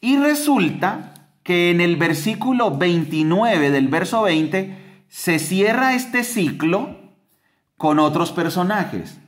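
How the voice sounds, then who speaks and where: Animated man teaching the Bible. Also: slow pace. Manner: animated, acts out quoted voices with big pitch jumps; asks listeners rhetorical questions. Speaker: podcast co-host teaching the Bible.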